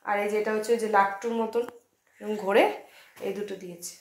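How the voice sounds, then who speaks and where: Speaking fast in a steady, mid-range voice, a young Bengali-accented woman walks viewers through her family day in a home vlog shot on a handheld phone. She's chatty, talks right to the camera, and sometimes drops to a soft tone.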